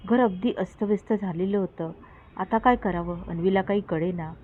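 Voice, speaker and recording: A woman narrating her own horror story, acting out the characters' lines with a lifted voice. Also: moderate pace. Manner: acts out characters' lines with raised pitch. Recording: phone-like audio with faint noise.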